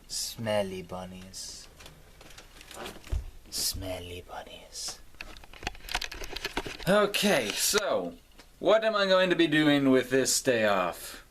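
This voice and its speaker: A man's voice: medium pitch, a bit bright. Rambling sarcastic young man vlogging. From United States. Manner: rambling, sarcastic, swears casually. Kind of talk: casual vlog talk to camera.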